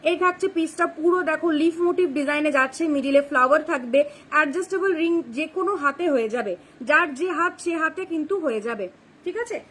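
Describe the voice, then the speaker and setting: Fast-talking high-voiced young woman. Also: a bit bright, a little hiss or hum. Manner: fast, chatty, keeps checking "ঠিক আছে?". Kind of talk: live-stream sales pitch. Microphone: phone camera.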